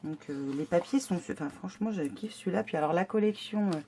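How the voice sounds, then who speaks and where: A woman's voice: on the low side, fast talker, warm tone. Woman vlogger going through a craft box, chatty, lots of ums and restarts, gushing, faint hiss behind. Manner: chatty, hesitant, many fillers and restarts; enthusiastic about the items. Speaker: scrapbooking vlogger. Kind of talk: casual unboxing chat.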